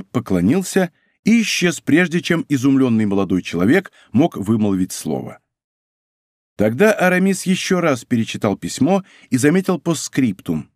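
Expressive male audiobook narrator. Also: medium pitch, no room sound, studio quality.

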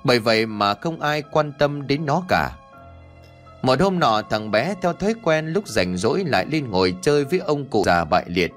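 A man's voice: mid-range voice, normal speed. Guy reading a spooky audiobook, dramatic, voice swings around a lot, faint music behind. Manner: dramatic, expressive storytelling. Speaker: narrator. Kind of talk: audiobook horror narration.

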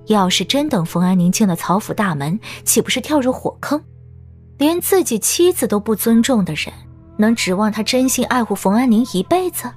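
A woman's voice: on the high side, very animated, moderate pace, a little mellow, slightly rough. A woman narrator reading a scripted story for an audiobook. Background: background music.

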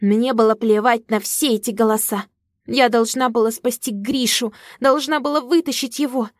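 A woman's voice: fairly high pitch, fairly even intonation, moderate pace, no room sound, studio quality. A woman narrating a story in the first person, with emotional storytelling. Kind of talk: audiobook narration.

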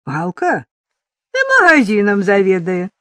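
For an audiobook, a woman voices a terse, wary old village woman speaking a rural dialect tinged with Belarusian, sounding gruff and wary. Her mid-range voice, pitched above her own, is very animated, a little slow, and fairly bright. The recording is dry and studio quality.

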